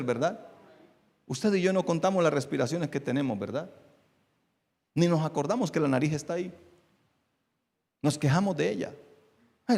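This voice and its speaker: Colombian male pastor, sermon delivery, raised voice, long hall reverb. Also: fairly high pitch. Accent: Colombian Spanish. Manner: preaching with rising intensity, then quieter and confiding. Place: church.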